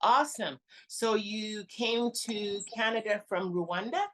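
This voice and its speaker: A woman hosting an interview show, warmly calling her guest honey and hon as she asks questions. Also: mid-range voice, unhurried. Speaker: show host.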